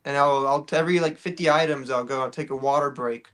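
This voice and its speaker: A young man who works as an auctioneer, chatting casually and telling stories in an animated way. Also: medium pitch, fast. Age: young adult. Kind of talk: casual chat.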